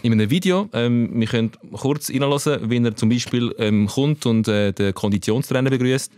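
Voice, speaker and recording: A man with a Swiss German accent hosting a casual football podcast, telling stories in a lively way. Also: medium pitch, normal speed, no room sound, studio quality. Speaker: podcast host.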